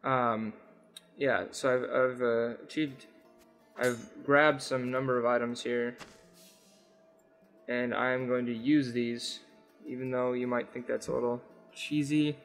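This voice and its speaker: A young man with a sick, croaky voice, hosting casual gameplay commentary and rambling with lots of ums and uhs. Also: mid-range voice, little pitch movement, slow, long pauses, fairly bright tone, soft background music. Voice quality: rough, croaky voice. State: sick, under the weather. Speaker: gaming channel host.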